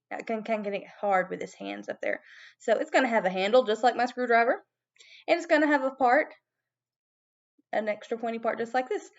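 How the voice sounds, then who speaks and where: A woman giving a video music lesson to young children as their teacher, animated and prompting them with questions. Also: mid-range voice, vocal fry, muffled recording.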